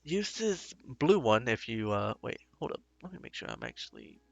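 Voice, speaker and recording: A man narrating as game master of a tabletop game, laid-back and halting. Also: medium pitch, wildly swooping pitch, vocal fry, no room sound.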